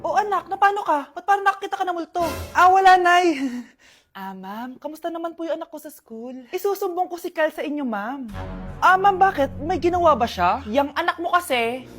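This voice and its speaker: A young woman performing comedy skits, playing every part herself, often yelling and laughing as she switches characters. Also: extremely high pitch, animated, brisk, soft background music. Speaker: comedy skit creator.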